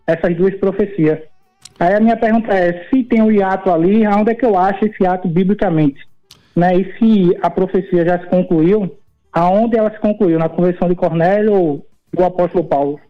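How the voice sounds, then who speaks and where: High-voiced man calling in over a tinny phone line. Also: moderate pace, faint music behind. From Recife, Pernambuco, Brazil. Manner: earnest, methodical questioning. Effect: heard over the phone line. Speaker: caller. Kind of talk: call-in question to a pastor.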